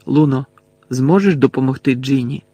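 A man's voice: mid-range voice, moderate pace, dark tone, no echo, close to an everyday voice. A man reading aloud, voicing a determined teenage boy wizard who speaks firmly and urgently. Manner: firm and urgent.

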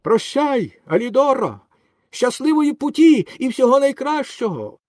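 A man voicing a cheeky wooden puppet boy in an audiobook, lively and quick-witted. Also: very high voice, dry recording, studio quality, pitched above the performer's own voice. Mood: cheerful. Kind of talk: audiobook character voice.

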